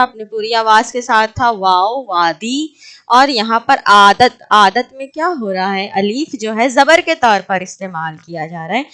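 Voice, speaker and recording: A woman's voice: fairly high pitch, a bit bright. Woman teaching grammar, questioning herself. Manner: explains step by step, asking and answering her own questions; draws out and repeats example words slowly. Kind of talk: exam-prep grammar lecture.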